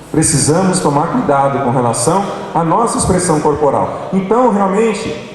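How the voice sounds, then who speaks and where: A Brazilian man giving an animated workshop talk to a church group, often turning to the audience directly. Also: sits high, a little hiss or hum. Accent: Brazilian Portuguese. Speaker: workshop speaker. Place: large hall. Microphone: handheld microphone. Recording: echoey hall, from far off.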